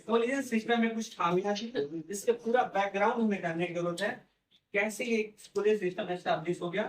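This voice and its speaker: In this classroom lecture, a man with a high, steady voice talks a little fast as he explains each step and keeps checking in, repeating "theek hai" and "hai na." There is no microphone, and the distant recorder picks up a lot of room echo.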